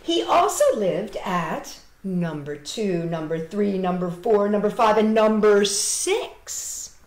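A woman's voice: medium pitch, slow. A middle-aged woman, a children's entertainer, talking directly and expressively to young children in a live storytime, recorded on a webcam in a living room. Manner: animated, exclaiming, addressing children directly. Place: small living room with couch, indoors. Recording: roomy webcam sound.

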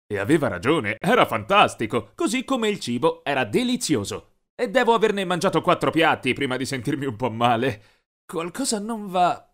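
A man narrating an animated story in a scripted, expressive way. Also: medium pitch, a little fast. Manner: lively, expressive.

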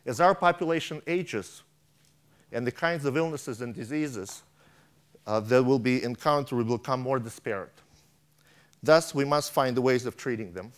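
On a large conference stage, a middle-aged man gives a keynote speech read from a tablet, tripping over words and restarting frequently. He speaks at normal speed in a mid-range voice, captured by a lapel mic.

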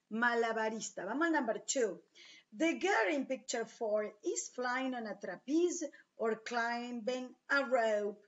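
A woman teaching English to children, slowly and patiently repeating and translating each word. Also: a little high, lo-fi sound. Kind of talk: recorded online class for children.

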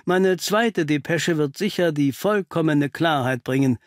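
A man's voice: on the high side, unhurried, no echo, clean studio sound, lightly acted. A man reading an audiobook, voicing a confident, cheerful male detective who talks in a teasing, cryptic way. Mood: knowing. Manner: teasing, cryptic, self-assured. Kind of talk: audiobook character voice.

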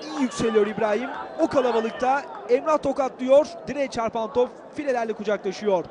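A man giving excitable, declamatory live commentary on a football match. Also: very high voice, a little fast. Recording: loud stadium crowd noise behind. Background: cheering football stadium crowd.

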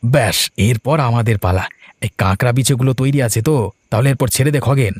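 A man voicing a village man in a cartoon who plots against a troublesome aunt, talking in a brisk, plotting way. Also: mid-range voice, no room sound, studio quality, lightly acted. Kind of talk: cartoon voice acting.

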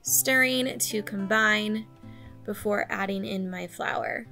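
Her medium-pitched voice is slow, creaky, bright and forceful, set over soft background music. She's a homesteading vlogger in her thirties narrating a friendly, step-by-step bread tutorial for viewers inside her home kitchen.

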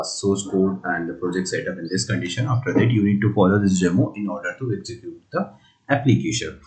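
A man's voice: deep voice, roomy sound, rough recording. A man narrating a screen-recorded coding walkthrough, explaining steps with frequent fillers and restarts. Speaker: software tutorial presenter.

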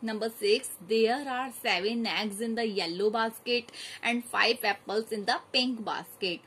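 Husky-voiced woman teacher dictating answers. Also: fairly high pitch, unhurried, low-quality recording. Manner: steady, methodical dictation of exercise answers. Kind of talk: grammar lesson, reading out answers.

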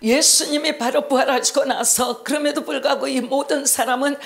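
A woman interpreting a sermon live, phrase by phrase, often opening with a quick acknowledgment. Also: sits high, steady tone, vocal fry. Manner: fluent, with frequent "ne" acknowledgments and restarts. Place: conference hall.

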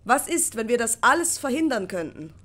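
A woman's voice: fairly high pitch, big pitch swings, normal speed, sharp tone, heavily acted. A woman voicing a determined young male miller's apprentice in an audiobook, speaking earnestly and urgently. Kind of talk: audiobook character voice.

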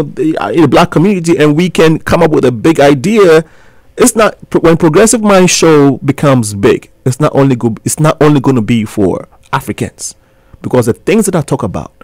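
A Ghanaian man in his thirties speaks with a fairly high voice and no echo. He's a guest on a college radio interview in a small studio, talking earnestly and persuasively while often restarting his sentences. The speaker is listed as both guest and talk show host.

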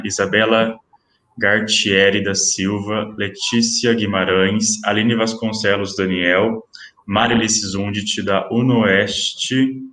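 Low-voiced man reading award announcements. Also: reverberant, a little hiss or hum. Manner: steady listing of titles and names. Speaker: event presenter announcing award certificates.

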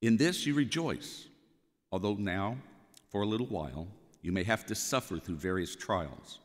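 A man's voice: lowish voice, expressive, normal speed. A man reading scripture formally as a lector at a church lectern. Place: large church interior, at a lectern. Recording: long church reverb.

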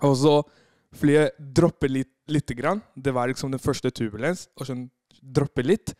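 A man's voice: medium pitch, no echo, studio quality. A man on a podcast telling a story in casual chat, acting out the moments he describes. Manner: animated storyteller, acts out screams and quotes. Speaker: podcast guest.

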